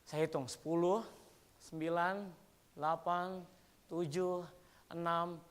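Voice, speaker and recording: A male pastor with a Kupang accent preaching a sermon full of storytelling, often addressing the congregation and acting out shouts in his stories. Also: fairly high pitch, slow pace, clean tone. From Indonesia. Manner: animated, acts out shouting in stories.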